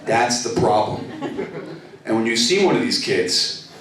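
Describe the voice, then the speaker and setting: A man's voice: on the low side, very animated, measured pace, very noisy. Brash profane stand-up comic, man. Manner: brash, profane, crowd-working. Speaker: stand-up comedian. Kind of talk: stand-up comedy set. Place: comedy club stage with laughing audience. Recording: echoey club, distant mic, crowd laughter.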